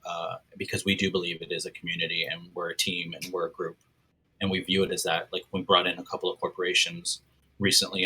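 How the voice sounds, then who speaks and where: A man's voice: low-pitched, pushed and bright, breathy edge, low-quality recording. A man talking casually on a panel discussion, rambling and repeating himself. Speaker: alliance member guest.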